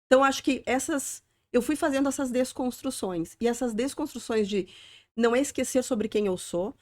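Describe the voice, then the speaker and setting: A woman's voice: on the high side, normal speed, a little mellow. A woman from southern Brazil with a Southern Brazilian accent, speaking as an interview guest in an earnest, reflective way, often ending phrases with a questioning tag. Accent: Southern Brazilian (gaúcho). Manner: reflective, earnest, frequent "né?" tags. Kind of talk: conversational interview.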